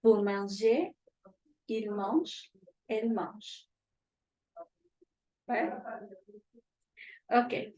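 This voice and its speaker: A young woman teaches at a slow, deliberate pace. Her voice sits a little high. She explains patiently and often checks whether her students follow. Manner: patient, repeats each point with check-ins. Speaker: French teacher. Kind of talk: online class lesson.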